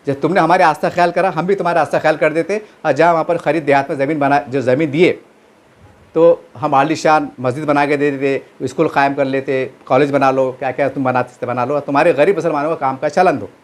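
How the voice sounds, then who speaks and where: A man giving impassioned political commentary, asking rhetorical questions and answering them himself. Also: a little high.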